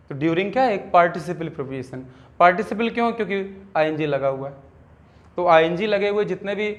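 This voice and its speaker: A man from India with a Hindi accent teaches a classroom grammar lesson. His voice sits high, and he keeps pausing to quiz his students with short questions. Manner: keeps asking the class quick check questions.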